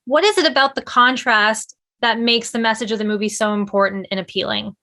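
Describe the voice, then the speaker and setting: Higher-voiced woman interviewer, conversational. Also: fairly quick, bright, forceful tone. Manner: enthusiastic, conversational. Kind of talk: casual entertainment interview.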